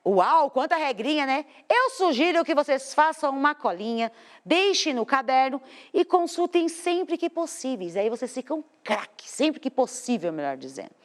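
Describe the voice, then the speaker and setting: A woman's voice: sits high, sing-song, moderate pace. A Brazilian woman teacher giving a studio lesson to children, explaining patiently and stretching out the stressed words. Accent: Brazilian Portuguese.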